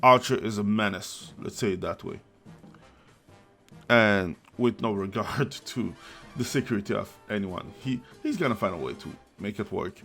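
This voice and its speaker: A man's voice: lowish voice, moderate pace, sharp tone. A man giving casual, blunt and sarcastic commentary on a cartoon series, swearing freely and laughing as he talks. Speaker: video commentator. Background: background music.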